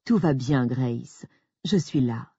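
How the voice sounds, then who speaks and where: A woman voicing a controlling husband who speaks softly and soothingly, as if to a child, in an audiobook. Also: rumbling low, slow pace, slightly rough, no echo, dull audio, pitched below the performer's own voice, heavily acted. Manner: soft, soothing, patronizing. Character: calm, controlling husband, soothing yet cold.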